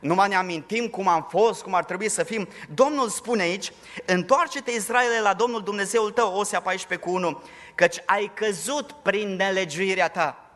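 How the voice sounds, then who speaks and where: High-voiced man preaching in a reverberant church. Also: a bit bright. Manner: emphatic preaching, raising his voice on scripture verses. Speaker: pastor. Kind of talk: sermon. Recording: long reverb of a church hall.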